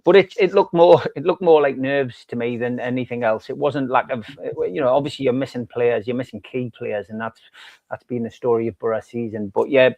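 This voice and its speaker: Male podcast co-host with a North East English accent, mid-pitched, halting with many restarts, dry close sound. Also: fairly even intonation, creaky, a little mellow, no echo, dull audio. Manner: hesitant, lots of restarts and you knows. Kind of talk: casual football chat.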